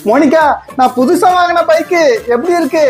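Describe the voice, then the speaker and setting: An easygoing cartoon husband, played by a woman, brags in a high, light voice. He sounds relaxed and pleased with himself, with faint music underneath. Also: moderate pace. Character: cheerful cartoon husband and father. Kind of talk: cartoon comedy dubbing.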